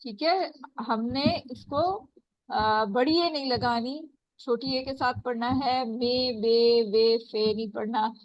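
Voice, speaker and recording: A woman teaching an online Quran recitation class over a video call, calling on students and modelling recitation slowly. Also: sits high, no echo. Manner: patient, calls on students, models slow recitation. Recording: dull video call audio.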